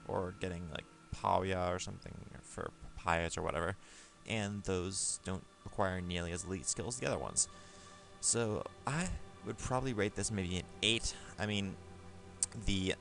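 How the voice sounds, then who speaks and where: A man's voice: sits low, creaky, fairly bright tone. A man giving a casual, rambling game review over gameplay, with lots of fillers and restarts.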